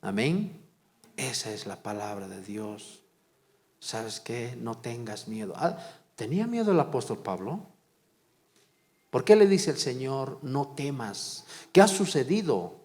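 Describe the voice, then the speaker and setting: A man's voice: mid-range voice, very animated, measured pace, darkish tone, long reverb tail. A man preaching a sermon as pastor, fervent and repetitive, asking the congregation question after question. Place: church.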